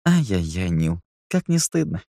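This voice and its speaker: A man voicing a cold, sardonic young man who speaks slowly and mockingly. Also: deep voice, sing-song, creaky, warm tone, no echo, studio quality, heavily acted.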